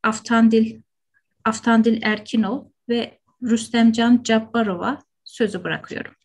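A woman's voice: a little high, steady tone, a little slow, darkish tone. A middle-aged woman formally introducing academic speakers as moderator on a video call. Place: indoor room, video call. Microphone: computer microphone on video call.

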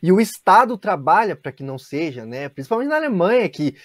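A man's voice: high-pitched, sing-song, fairly quick, no room sound, studio quality. A young Brazilian man hosting a talk show on a video call, slangy and emphatic. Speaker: podcast host. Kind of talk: casual discussion on video call. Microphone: webcam on video call.

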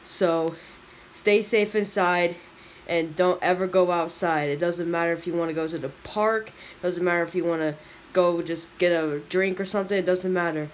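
A woman voicing a stern adult news announcer who gives slow, emphatic warnings. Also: on the low side, steady tone, slight background noise, pitched below the performer's own voice, natural voice.

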